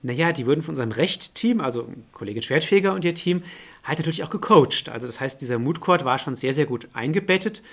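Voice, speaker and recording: A middle-aged male professor answers a podcast interview at a quick clip, thinking aloud with frequent fillers and self-corrections. His voice sits a little higher than most men's. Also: expressive, a bit bright. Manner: fast, thinking aloud with many fillers and restarts. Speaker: political science professor, guest.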